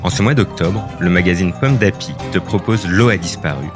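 A man reading a children's story aloud, clear and expressive. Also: low-pitched, moderate pace, over music.

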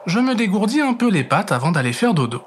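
A man voicing a small, kind hedgehog who is scared of the night, speaking softly and hesitantly. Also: high voice, sing-song, quick pace, a little hiss or hum, voice pushed up. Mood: shy, kind. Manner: soft, hesitant, stammering. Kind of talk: storybook read-aloud.

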